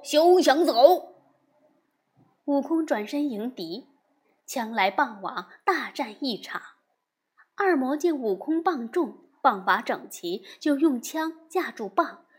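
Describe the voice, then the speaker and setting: A woman narrating a classic storybook tale in an expressive, measured way. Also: on the high side, breathy edge.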